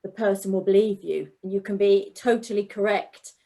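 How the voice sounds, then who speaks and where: A woman's voice: medium pitch, steady tone, moderate pace, creaky, dark tone. A woman on a discussion panel giving reflective advice about confidence.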